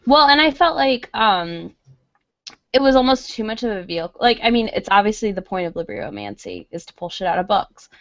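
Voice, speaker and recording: A woman's voice: medium pitch, big pitch swings, brisk, no room sound. A woman talks books frankly and enthusiastically, swearing freely as she goes. The recording is dry and close, with dull lo-fi sound. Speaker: podcast co-host. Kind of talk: casual book club chat.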